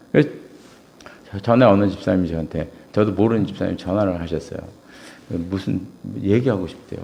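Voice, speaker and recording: Gravelly, animated Korean-speaking male pastor. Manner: animated storytelling preacher, swings from loud emphatic peaks to low asides. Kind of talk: sermon.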